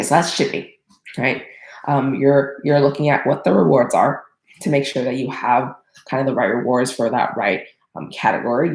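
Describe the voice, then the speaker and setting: In an echoey room, someone from Thailand who consults on crowdfunding gives relaxed advice by themselves. The delivery wanders, packed with fillers and corrections, in a medium, somewhat mellow voice.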